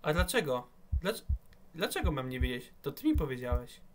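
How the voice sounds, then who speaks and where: A man's voice: mid-range voice, very animated, normal speed, a little hiss or hum, pitched below the performer's own voice, natural voice. A man voicing a taunting, menacing male phone caller in a game, reading the lines aloud with a mocking, sneering manner. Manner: mocking, sneering, playing with his victim.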